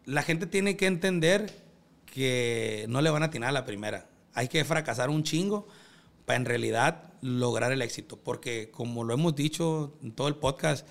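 A man with a Sinaloan Mexican accent in casual, motivational conversation as a podcast guest, using slangy, sweary street talk. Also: medium pitch. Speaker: podcast guest, music label representative.

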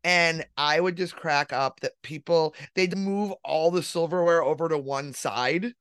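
A woman hosting a podcast, upbeat and quick to laugh in casual chat. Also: low voice, smooth, no room sound, studio quality. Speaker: podcast host.

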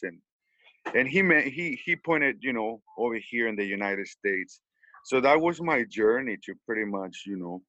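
A man's voice: mid-range voice, pushed and bright, no echo, dull audio. A man from Mexico with a Mexican Spanish accent, speaking English as a second language, telling his story in an interview with many restarts and repeated words. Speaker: hat maker.

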